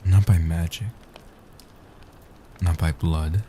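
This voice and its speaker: A man plays a centuries-old immortal vampire protector in comfort roleplay audio, with a young adult sound and a tender, devoted nature. He speaks softly in a very dark, warm, low voice, keeping a very even hush and a slow, deliberate, reassuring pace. The mood feels intimate and grateful, against slight background noise.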